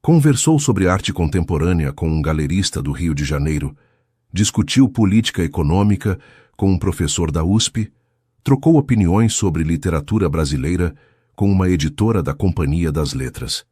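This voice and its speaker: Narrator, male, very deep and husky, measured dramatic reading, dry close sound. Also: lively intonation, mellow, no room sound. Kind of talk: scripted romance narration.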